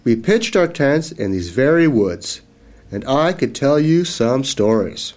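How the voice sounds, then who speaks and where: Man playing a storytelling father for a read-aloud; slow, dramatic and lively in pitch. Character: friendly father telling a spooky campfire tale.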